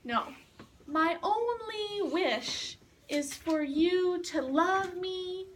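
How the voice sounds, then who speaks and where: A woman's voice: very high voice, expressive, drawn-out words, full character voice. A woman reading as a coaxing talking frog. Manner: gently coaxing, storybook read-aloud. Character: talking frog bargaining by a pond. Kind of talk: storybook read-aloud for learners. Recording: distant mic with faint hiss.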